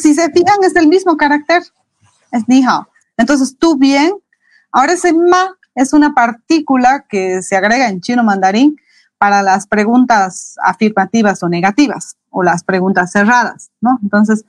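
A woman's voice: fairly high pitch, dry recording, poor audio. Patient woman teaching Mandarin basics. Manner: patient, explains slowly with repeated examples. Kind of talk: live online language lesson.

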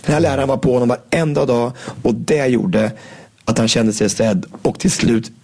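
A man's voice: mid-range voice, gravelly, dark tone. A man in casual conversation, enthusiastic and teasing. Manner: enthusiastic, teasing, quick to praise. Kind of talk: casual chat.

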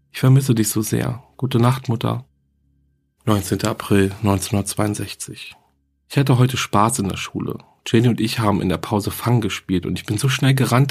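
A man reading as a lonely young girl who writes her diary to her dead mother, in a plain, quiet horror story reading. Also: fairly low pitch, vocal fry, slightly rough.

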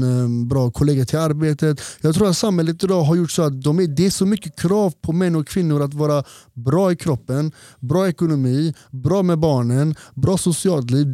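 A man's voice: a little high, mellow, dry recording. A man who is a doctor, explaining health topics in a casual podcast conversation and laying out his points one by one. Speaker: doctor guest.

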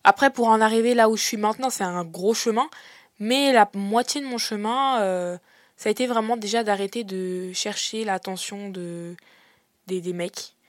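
A young woman talks casually and openly, as a podcast host would to her followers. She is a little short of breath and pauses mid-sentence, using chatty youthful slang. Her pitch is average for a woman, and the sound is close and dry. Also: dry recording. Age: young adult. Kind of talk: casual confessional podcast monologue.

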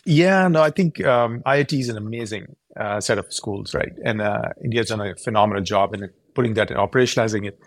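A man's voice: fairly low pitch, fast talker, few pauses. A man in his forties from Pakistan, giving earnest, explanatory answers as a podcast guest. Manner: earnest, explanatory, with frequent restarts. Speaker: tech company founder, guest.

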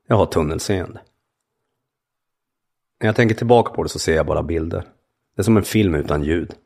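Male memoir narrator, very low, gravelly, calm and measured. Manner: calm, measured storytelling in short sentences. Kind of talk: first-person memoir reading.

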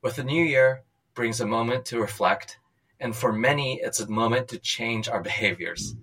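A man's voice: mid-range voice, normal speed, a bit bright, husky, low-quality recording. A man hosting a podcast, reading a prepared introduction and then asking questions in a casual, upbeat way. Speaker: podcast host. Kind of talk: scripted intro and casual interview.

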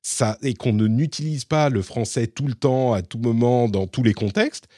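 A man from Lebanon hosting a casual tech podcast, chatty and animated, often restarting his sentences. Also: medium pitch, moderate pace, dry recording, studio quality. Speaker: podcast host.

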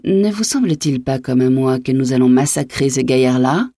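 A woman's voice: rumbling low, moderate pace, dark tone, no echo, studio quality. A woman voicing a hot-tempered young male nobleman, blustering and swearing, in an audiobook reading. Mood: furious.

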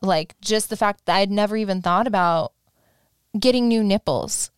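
A woman's voice: medium pitch, moderate pace, clear, resonant tone, no echo, studio quality. A young adult woman speaking as an interview guest in a casual, confiding personal chat.

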